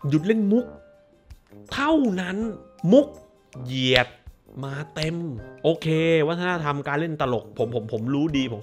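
A man's voice: sits high, a bit bright. A man hosting a movie review show, ranting casually in a crude, profane, sarcastic way.

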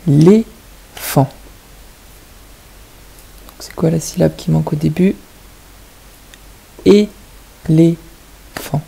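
French-accented teacher, kindergarten lesson, husky voice, dark tone, patient questions. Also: mid-range voice, level tone, fast talker, rough recording. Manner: patient, asks the children questions and explains step by step. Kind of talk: lesson for young children.

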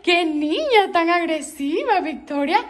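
Woman, very high voice, slow lilting baby talk, noisy home video with parrots squawking. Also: lively intonation. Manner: sing-song, doting, laughing often. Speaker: parrot owner and vlogger.

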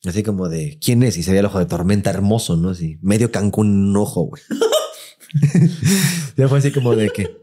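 A man's voice: fairly low pitch, quick pace, warm tone. A young man with a Mexican accent, co-hosting a casual podcast and telling a funny story, often mimicking other people's voices. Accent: Mexican Spanish. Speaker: podcast co-host. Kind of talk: casual storytelling chat with friend.

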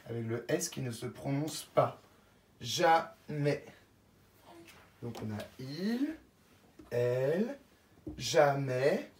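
A woman first-grade teacher giving a slow dictation lesson to young children, spelling each word out letter by letter and repeating it. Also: sits low, a little mellow. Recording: echoey room, voice from a distance.

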